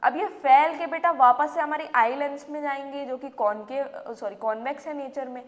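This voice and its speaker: A woman's voice: high-pitched, fairly even intonation, moderate pace, big-room sound. A woman teacher with an Indian accent, giving a classroom science lecture in a questioning, coaxing manner. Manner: asks questions and answers them herself, calls students beta.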